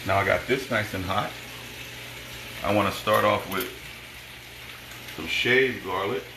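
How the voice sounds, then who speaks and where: Deep-voiced man hosting a cooking show, echoey kitchen. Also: a little slow, gravelly. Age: middle-aged. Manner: unscripted step-by-step commentary in short phrases with approving asides. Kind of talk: cooking show host demonstrating a recipe to viewers. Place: home kitchen, indoors. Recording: echoey kitchen, distant mic, sizzling pan noise. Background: frying sizzle and stirring.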